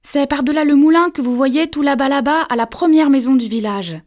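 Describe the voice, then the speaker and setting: An innocent little girl from a fairy tale chirps high and eager, played by a woman reading aloud. She sounds trusting and naive. Her voice sits well above the narration. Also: normal speed, dark tone.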